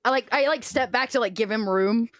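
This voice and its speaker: A woman's voice: fairly high pitch, a little fast, no echo, clean studio sound. Bubbly, chatty woman player. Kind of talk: casual in-character play.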